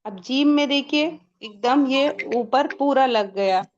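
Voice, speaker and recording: Lady teacher going thru pronunciation slowly, asks herself questions, bit muffled audio. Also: high-pitched. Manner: explains slowly, asks and answers her own questions, drawn-out sample sounds. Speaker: Quran recitation teacher. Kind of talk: step-by-step lesson.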